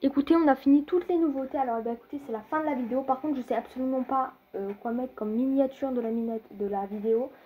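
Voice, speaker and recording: A woman's voice: high-pitched, fast talker, few pauses, narrow, tinny audio, a little hiss or hum. A young woman rambling through a casual gameplay commentary, talking straight to her viewers with lots of fillers and hesitations. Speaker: gaming video creator.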